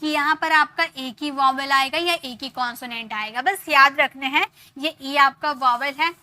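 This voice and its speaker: Bright, high-voiced woman teaching English. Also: normal speed, no echo. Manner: explains step by step, repeats example words, checks in with "ok". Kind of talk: online grammar lesson.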